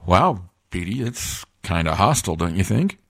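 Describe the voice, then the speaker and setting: Man as a deep-voiced elf news host. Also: big pitch swings, moderate pace, creaky, fairly bright tone, husky, dry recording, clean studio sound, heavily acted. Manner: formal newscaster delivery. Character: smooth male elf radio news host. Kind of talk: comedic audio podcast hosting.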